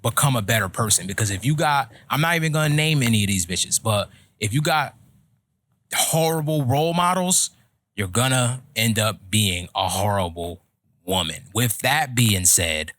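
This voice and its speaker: A man in his thirties hosting a casual podcast chat, giving opinionated, lecturing advice in a slow, deliberate way. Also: mid-range voice, lively intonation, fairly bright tone, dry recording. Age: 30s. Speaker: podcast host.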